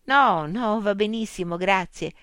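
A woman's voice: medium pitch, measured pace, a bit bright, clean tone, no echo, clean studio sound, pitched above the performer's own voice, natural voice. A woman voicing a flustered adult woman writer who keeps apologizing. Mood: apologetic.

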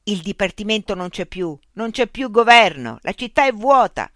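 A man's voice: fairly high pitch, moderate pace, pushed and bright, clear, resonant tone, no echo, studio quality. A narrator voicing a frustrated man who argues with a machine in an exasperated, insistent way. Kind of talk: audiobook character voice.

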